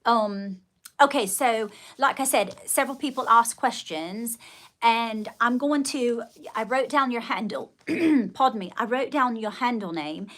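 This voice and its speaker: Middle-aged female livestream host, higher-pitched voice, chatty and effusive with viewers. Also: unhurried, a bit bright. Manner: effusive greetings and terms of endearment. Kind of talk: casual livestream chat with viewers.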